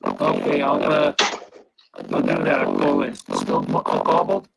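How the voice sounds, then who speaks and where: A man's voice: a bass voice, huge pitch swings, measured pace, vocal fry, slight background noise, low-quality recording. A man on a planning board asking questions over a video call, his computer microphone audio garbled and breaking up. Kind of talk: public meeting remarks.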